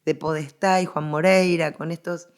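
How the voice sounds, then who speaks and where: At a normal speed and with a steady tone, a middle-aged woman speaks in a low voice with a Rioplatense Argentine accent. She explains things as an expert guest in a conversational interview, emphatic and inclined to digress.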